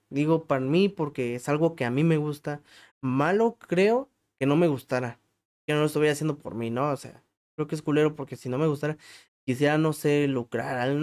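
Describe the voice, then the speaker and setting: A man's voice: mid-range voice, darkish tone. A man with a Mexican accent hosting a podcast, telling funny, crude stories about himself in casual slang and laughing at his own jokes. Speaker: podcast host. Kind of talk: casual comic storytelling monologue.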